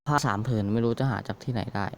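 A man's voice: mid-range voice, racing, a little hiss or hum. A man casually commenting on his survival game for viewers, chatty and joking, recording at home. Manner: chatty, addresses viewers, jokey exclamations. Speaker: gaming YouTuber. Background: roosters crowing nearby.

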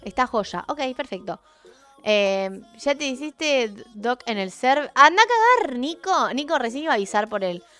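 A woman's voice: fairly high pitch, normal speed. A young woman with an Argentine accent, chatting casually on a livestream, rambling, joking and poking fun at herself in slangy talk. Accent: Argentine Spanish. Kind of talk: casual live-stream chat. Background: faint music.

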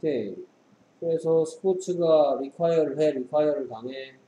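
A man's voice: fairly high pitch, slow, warm tone. A man tutoring English, reading sentences aloud and quizzing his student with short questions. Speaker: English teacher. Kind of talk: tutoring lesson, reading and explaining English text. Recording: echoey room with faint background noise.

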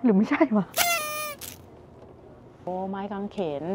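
Filmed outdoors on a handheld camera at arm's length, this woman in her thirties is a travel vlogger browsing a market and tasting snacks while talking to viewers. She speaks slowly at a medium pitch, chatty and commenting as she eats. The casual food vlog sounds muffled, with street noise around her.

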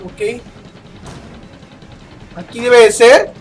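A man's voice: extremely high pitch, drawn-out words. A young man with a Mexican accent giving horror gameplay commentary, shrieking in panic and swearing constantly. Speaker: gaming youtuber.

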